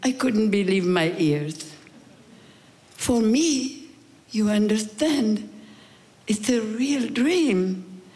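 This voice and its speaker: A woman in her eighties from Morocco telling a personal story on stage at a live event, deliberate and unhurried. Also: medium pitch. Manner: slow, deliberate telling with lively rises and falls. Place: large theater stage. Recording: reverberant theater hall.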